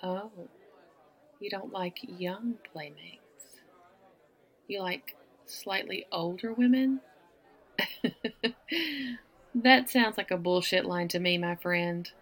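Some chatter sits behind this woman's low voice as she speaks slowly, pausing often. With a Southern accent and lots of laughter, she plays a woman teasing and flirting with a stranger at a bar in a one-sided roleplay.

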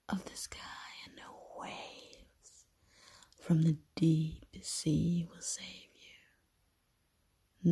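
A woman voicing a seductive, menacing goddess of love and fire in a whispered roleplay, speaking in a slow, teasing hush. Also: mid-range voice, exaggerated voice. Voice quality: breathy whisper. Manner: slow, teasing, hushed and intimate.

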